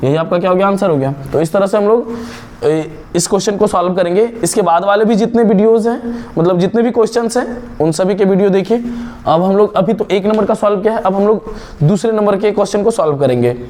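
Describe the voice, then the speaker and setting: A young man from India teaching a step-by-step math lesson, explaining slowly and asking and answering his own questions. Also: high-pitched, a little mellow.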